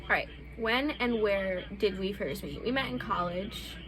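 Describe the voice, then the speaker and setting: A woman's voice: medium pitch, a little slow, crowd noise, low-quality recording. A young adult woman hosting a casual couple's Q&A vlog, chatting candidly with loose, profane phrasing. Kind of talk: casual chat.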